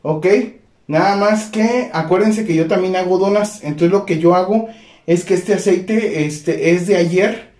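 A man hosting a home cooking demonstration, talking in a relaxed way with lots of fillers as he addresses viewers as friends. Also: high voice, a little slow. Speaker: cooking channel host. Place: home kitchen. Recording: echoey kitchen with faint noise.

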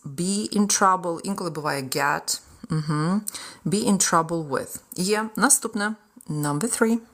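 A young woman with a Ukrainian accent leads a live-streamed English exam-prep lesson in her native Ukrainian. Her voice sits a little low. She switches into English to read example sentences slowly and with care. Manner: lively, reads example sentences aloud slowly. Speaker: English tutor.

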